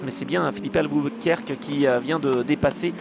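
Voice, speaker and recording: A man giving live motorsport race commentary in a hesitant, excitable way. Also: a little high, normal speed, music in the background. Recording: clear engine and trackside noise behind.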